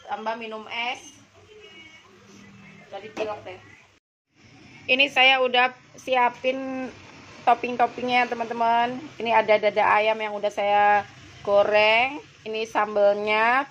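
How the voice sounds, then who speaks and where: A woman in her thirties hosts a casual home cooking vlog in her kitchen, chatting to viewers as friends, her voice nasal and stuffed-up from a cold. Her voice is a little high, and the noisy home kitchen recording sounds muffled.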